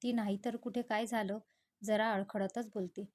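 A woman's voice: mid-range voice, little pitch movement, moderate pace, darkish tone, close to an everyday voice. A woman voicing a nervous young female relative who talks hesitantly. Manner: hesitant, faltering.

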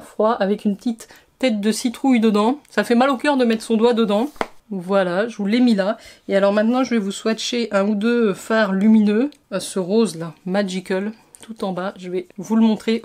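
A woman's voice: medium pitch, fairly even intonation, normal speed, darkish tone. A woman beauty vlogger chatting enthusiastically through a makeup palette review, with frequent restarts. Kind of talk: casual makeup review to camera.

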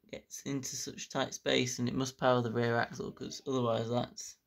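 A man's voice: mid-range voice, level tone, normal speed, gravelly. A man, casually reviewing a model locomotive at length, enthusiastic and rambling. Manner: enthusiastic, rambling with fillers like "bits and bobs".

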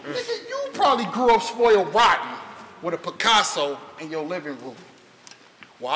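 A man performing live battle rap, delivering brash, taunting punchlines and shouting them at his opponent. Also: extremely high pitch. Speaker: battle rapper. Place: live battle rap event before an audience. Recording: loud cheering crowd. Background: loud crowd reacting.

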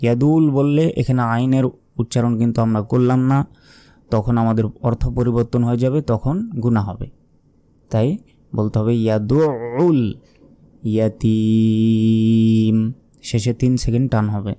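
A man teaching recitation, explaining pronunciation mistakes and then chanting the verses slowly in a raised tone. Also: mid-range voice, fairly even intonation, warm tone. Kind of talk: pronunciation lesson with slow drawn-out recitation.

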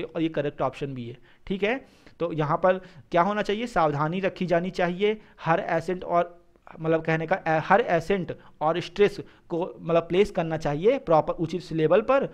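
A male teacher who explains exam answers, reading English sentences slowly and then explaining them quickly. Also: fairly high pitch. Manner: mixes English phrases into explanations, repeats "ठीक है".

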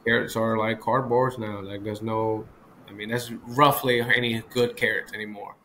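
A Vietnamese chef in his thirties talks casually as an interview guest on a video call from a small indoor room, where clear background noise is audible. He repeats himself and often checks in with the listener, ending points with "right?". His voice is fairly low and bright with a pushed quality, has little pitch movement, and keeps a moderate pace.

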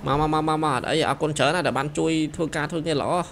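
A young man giving excited gameplay commentary, shouting quick directions as he plays. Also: a little high, vocal fry, a little hiss or hum. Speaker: gameplay streamer. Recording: voice over loud game sirens. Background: police sirens from the game.

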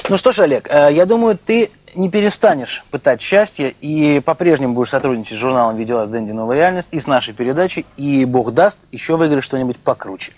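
A man in his thirties presenting a TV show and interviewing guests in a jokey, theatrical way, with a husky voice. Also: medium pitch, fast, hardly any pauses, darkish tone. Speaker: TV show host. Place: small TV studio.

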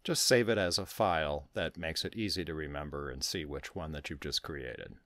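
Low-voiced guy doing a computer how-to voice-over, calm step by step, dry close sound. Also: moderate pace, dry recording. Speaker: tutorial host. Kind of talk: screen-recorded software tutorial.

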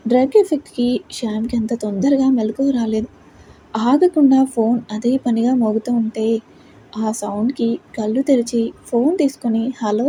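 A woman narrating a serialized family story in a calm, even storytelling manner. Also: on the high side, slight background noise, rough recording.

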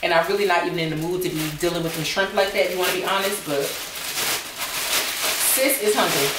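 A young woman talks casually to her viewers between bites, sometimes with her mouth full. Her voice sits a touch low. She is recorded in a roomy space, a little back from the mic. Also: quick pace, heavy background noise. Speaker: vlogger. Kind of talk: casual chat while eating. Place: home, indoors. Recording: roomy, from a distance.

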